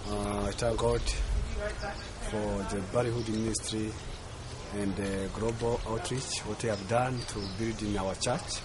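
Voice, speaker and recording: A man from Rwanda, a pastor, speaking haltingly in an interview. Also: fairly low pitch, flat delivery, over a noisy crowd. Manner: halting, plain-spoken. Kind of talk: interview testimony. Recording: loud outdoor noise.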